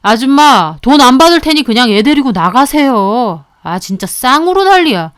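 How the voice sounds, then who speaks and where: Woman putting on a nasty restaurant boss guy, mocking, shouty, smooth voice. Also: sits high, big pitch swings, moderate pace, no room sound, studio quality. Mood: sneering. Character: rude sneering male restaurant owner.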